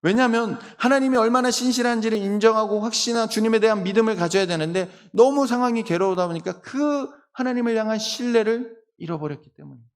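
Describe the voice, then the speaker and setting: A man's voice: sits high, quick pace, few pauses. A middle-aged man preaching a sermon as pastor, earnest and at times pleading as he voices the cries of the psalm. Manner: earnest, rising to pleading cries when voicing laments. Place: church sanctuary. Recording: long hall reverb.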